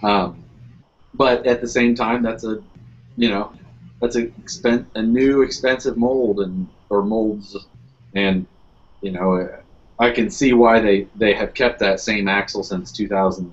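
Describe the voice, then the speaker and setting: A man's voice: fairly low pitch, fairly even intonation, unhurried, lo-fi sound. A man hosting a casual podcast chat, rambling and filling his talk with "you know" and restarts. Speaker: podcast host.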